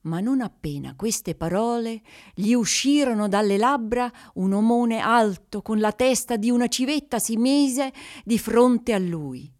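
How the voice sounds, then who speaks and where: A woman narrating a folk tale in a measured storytelling manner. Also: a little high, animated, a little mellow.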